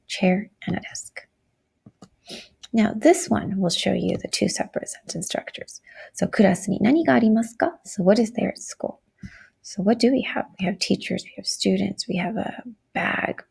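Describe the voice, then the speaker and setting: Woman, Japanese teacher, very gravelly and raspy voice, patient step-by-step explainer. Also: mid-range voice, a little mellow. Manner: explains step by step, slows down to model Japanese phrases. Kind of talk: classroom lecture video.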